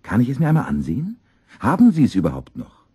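Casting: man doing an eager young student, rushed and raised, raspy, for a storybook. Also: mid-range voice, wildly swooping pitch, warm tone, pitched above the performer's own voice, exaggerated voice. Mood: excited. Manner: eager, breathless, quick. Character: excited young male music student.

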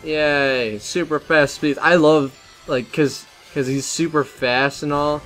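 A man's voice: a little high, steady tone, slow, a bit bright, faint music behind. A young man doing let's play commentary, rambling and self-deprecating as he talks over his gameplay. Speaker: gaming commentator.

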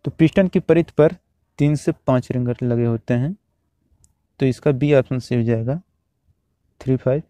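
A man teaching, reading out quiz questions and their options one by one, then repeating each answer in a steady drill. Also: medium pitch, moderate pace, long pauses, dry recording. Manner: steady, repetitive exam-drill delivery.

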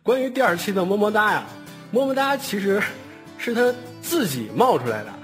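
This voice actor has a high, fairly bright voice with big swings in pitch and a moderate pace. Chatting casually online with the cast, he speaks haltingly and repeats his phrases before later reading questions aloud, all over background music.

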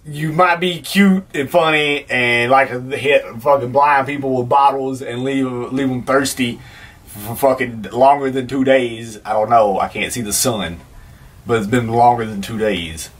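A man's voice: medium pitch, steady tone, a little slow, husky, far from the mic. A man playing a cranky, foul-mouthed blind homeless man in an improvised comedy sketch, grumbling and repeating himself. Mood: angry. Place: outdoors by a shack.

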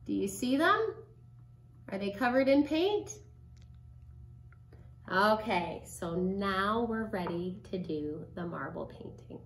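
A woman's voice: mid-range voice, animated, takes it slowly, pauses often. A woman hosting a children's craft demonstration like a kids show host, asking young viewers simple, encouraging questions. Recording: roomy echo, faint noise.

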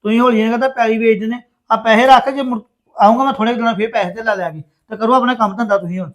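A man acting a brother-in-law in a family drama, soothing and persuading in a calm way. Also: extremely high pitch, racing. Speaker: actor playing the brother-in-law.

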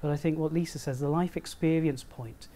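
A man's voice: on the high side, steady tone, a little fast, warm tone, a little hiss or hum. Earnest man chairing a panel. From Wales. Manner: earnest, checks in with 'all right?'. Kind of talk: moderating a panel talk. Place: seminar room.

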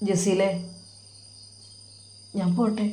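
A woman voicing a heartbroken, self-sacrificing young man speaking in a hushed, sorrowful tone. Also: mid-range voice, flat delivery, very slow. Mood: grieving, hushed. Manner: hushed, sorrowful inner monologue.

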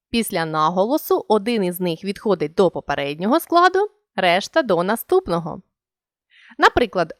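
Lively, dry-voiced woman teaching a lesson. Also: on the high side, no echo. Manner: clear, deliberate, stretches example words slowly. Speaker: channel host and language teacher. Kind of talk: scripted lesson narration.

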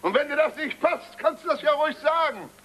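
A man's voice: very high-pitched, animated, fairly quick, a bit bright. An actor playing a boastful, stubborn factory-owner father in a stage comedy, blustering and repeating himself.

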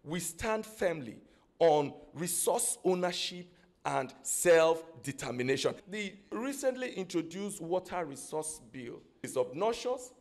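A middle-aged man with a Nigerian accent and a fairly high voice makes an earnest, formal plea. He speaks close to a handheld microphone. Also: very animated, measured pace. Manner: earnest, pleading. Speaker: group president. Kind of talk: formal statement to a dignitary. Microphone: handheld mic held close.

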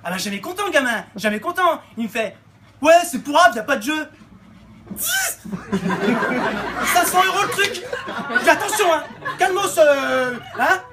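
A woman's voice: sits high, sing-song, normal speed, pauses often, crowd noise. A woman doing a brash, unhinged mother. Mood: rambling. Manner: brash, rambling, barks orders, filler-heavy "hein". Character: unhinged loud middle-aged mother of many kids. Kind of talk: live stand-up character sketch. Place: comedy club stage. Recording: noisy live club recording.

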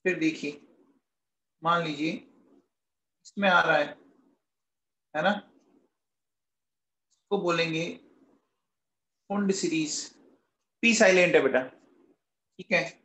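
A man's voice: fairly high pitch, slow pace, pauses often, sharp tone, roomy sound, rough recording. A man teaching a chemistry class who coaxes his students with questions and then answers them himself, affectionately calling them kids. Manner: calls students "beta" and "bachche" affectionately. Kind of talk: classroom lecture.

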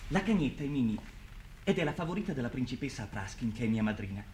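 An actor playing a naive, excitable young man in a 1950s television drama, chatty and boastful. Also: medium pitch, quick pace, lightly acted. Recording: hissy old 1950s TV recording.

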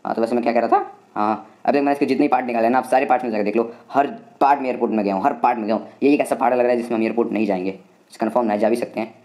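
A man with an Indian accent giving excitable, chatty commentary while playing a driving game, talking to the game and to viewers. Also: mid-range voice, rapid-fire. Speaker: gaming channel host.

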